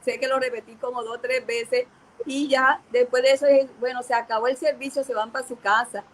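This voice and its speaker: A middle-aged woman pastor giving a personal testimony in an earnest, halting way, with many restarts and repeated words. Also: high voice, little pitch movement, rough recording. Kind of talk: personal testimony to an online audience.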